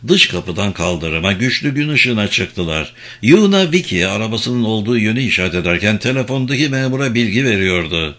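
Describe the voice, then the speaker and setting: Expressive man narrating a thriller. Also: fairly low pitch, moderate pace, hardly any pauses. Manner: dramatic, expressive reading. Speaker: audiobook narrator. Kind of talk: scripted narration.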